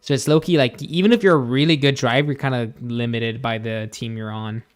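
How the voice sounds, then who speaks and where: Brief: young male streamer, easygoing rambling chat, middle-pitched voice, faint music underneath. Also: fairly even intonation, a little fast. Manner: rambling, laid-back, many fillers and restarts. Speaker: gaming streamer. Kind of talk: casual chat while gaming, reading chat.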